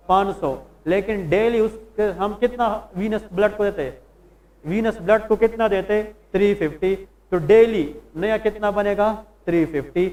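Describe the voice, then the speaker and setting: High-voiced man lecturing, quizzing his class. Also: a little mellow, low-quality recording. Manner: quizzes students with questions and answers them himself; slows down to stress English terms. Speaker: medical lecturer. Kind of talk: Hindi-English classroom lecture.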